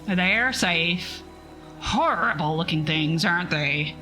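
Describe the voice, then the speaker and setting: A woman's voice: fairly low pitch, expressive, slow, bright, forceful tone, soft background music, full character voice. A woman voicing a fussy, businesslike male space merchant in a nasal voice, reading a sci-fi story aloud. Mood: smug, fussy.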